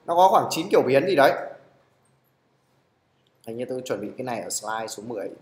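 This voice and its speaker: A man's voice: mid-range voice, big pitch swings, a little fast, reverberant. A man teaching a live programming class in a classroom, checking in with his students again and again. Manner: keeps asking "được chưa?" to check on students. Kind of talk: live classroom coding lesson.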